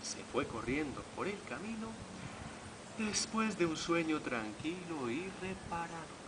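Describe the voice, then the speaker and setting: A man reading a children's picture book to young listeners, slowly and with a lot of rise and fall in his voice. He imitates the animals as he goes. A steady hiss sits under the noisy recording. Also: fairly high pitch. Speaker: storyteller. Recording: noisy home video recording.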